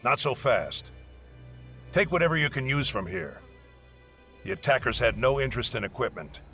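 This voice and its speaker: Curt, scornful, forceful warrior commander. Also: male voice, mid-range voice, very animated, moderate pace, faint music behind. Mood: brusque, businesslike. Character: hostile, bossy male warrior leading a dangerous scouting mission. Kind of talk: video game dialogue acting.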